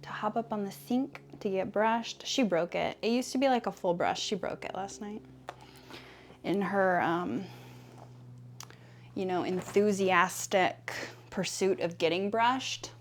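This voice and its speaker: A woman's voice: mid-range voice, unhurried, a little hiss or hum. A woman chatting casually for ASMR while brushing a cat, rambling playfully and slipping into affectionate talk to her pet. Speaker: vlogger making ASMR videos. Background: cat purring.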